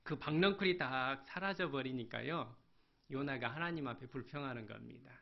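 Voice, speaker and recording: A male pastor preaching a sermon, animated and often asking the congregation questions. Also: medium pitch, normal speed, gravelly. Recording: dull lo-fi sermon recording.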